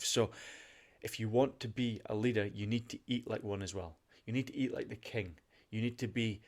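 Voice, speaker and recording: Low and somewhat dark in tone, this young man's voice carries his solo motivational podcast. He gets worked up as he talks, full of passion and restating points for emphasis.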